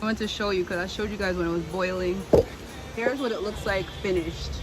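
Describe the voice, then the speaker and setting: A woman's voice: mid-range voice, steady tone, brisk, background noise. A woman hosting a casual vlog outdoors, chattily talking straight to her viewers. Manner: chatty, addresses viewers as guys. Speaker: vlog host. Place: outdoors by a river.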